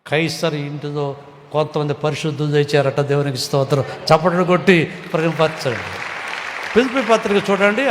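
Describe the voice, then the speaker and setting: A man preaching a sermon, swinging from loud rises to soft drops. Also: on the high side, a little hiss or hum. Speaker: pastor. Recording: long hall reverb.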